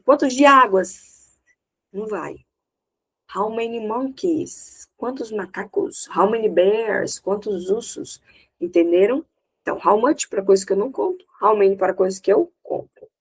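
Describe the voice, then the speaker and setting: A woman's voice: medium pitch, moderate pace, slightly rough, low-quality recording. A woman with a Brazilian Portuguese accent teaching English in a recorded lesson, explaining step by step and often checking that students follow.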